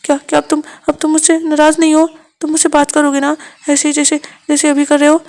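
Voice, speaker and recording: Woman doing a high, stammering young man who pleads and clings, quick and gravelly. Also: monotone, a little mellow. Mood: pleading.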